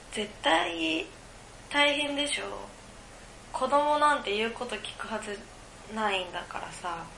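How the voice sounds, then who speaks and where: A woman's voice: fairly high pitch, animated, takes it slowly, gravelly, pauses often, bright, forceful tone, roomy sound, slight background noise. A woman hosting a casual podcast alone, reading listener mail and rambling with frequent giggles as she thinks aloud. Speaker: podcast co-host. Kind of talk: casual solo podcast chat.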